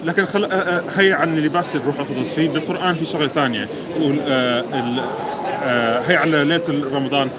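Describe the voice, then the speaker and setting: A man's voice: on the high side, fast. A man from Britain with a Levantine Arabic accent, speaking hesitantly in a casual debate. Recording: outdoor street with busy crowd noise.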